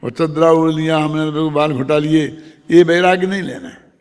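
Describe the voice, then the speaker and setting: A man's voice: fairly high pitch, fairly even intonation, moderate pace, darkish tone, smooth, big-room sound. An older man giving a conversational religious discourse on scripture, often checking whether his listeners follow. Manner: conversational, asks listeners "समझे ना?".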